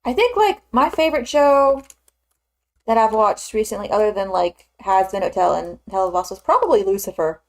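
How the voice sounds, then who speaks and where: A twenty-something woman from the Southern United States chats casually as a streamer during 3D modeling, rambling with frequent fillers. She has an expressive, mid-range voice and speaks at a moderate pace.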